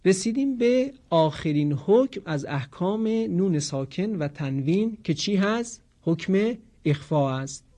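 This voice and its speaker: Male recitation teacher, slightly high voice, patient explanations, slow drawn-out example chants. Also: expressive, dark tone.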